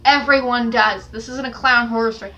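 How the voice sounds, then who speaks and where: A woman's voice: fairly high pitch, fairly even intonation, fairly quick, sharp tone, dull audio. A young woman telling a story on camera in her bedroom, rambling with many fillers and restarts. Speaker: storytelling vlogger. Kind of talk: casual spoken storytelling. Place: small cluttered bedroom, indoors. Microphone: camera at a distance on a stand.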